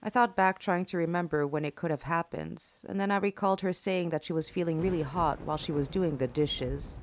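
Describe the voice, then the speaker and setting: Low-voiced woman narrating horror. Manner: slow, hushed suspense delivery.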